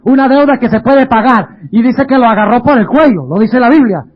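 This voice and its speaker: A man's voice: very high voice, lively intonation, fairly quick. A male pastor giving a dramatic sermon, full of rhetorical questions. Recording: dull lo-fi radio sound.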